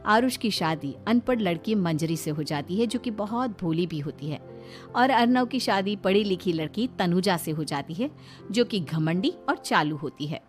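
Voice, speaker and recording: A woman narrating a family cartoon story in a steady, expressive storybook style. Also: lowish voice, normal speed, faint music behind.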